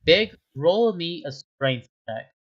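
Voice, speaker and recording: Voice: mid-range voice, lively intonation, takes it slowly. Game master running a tabletop session; meandering delivery, muffled recording. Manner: rambling, many restarts and fillers. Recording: dull lo-fi sound.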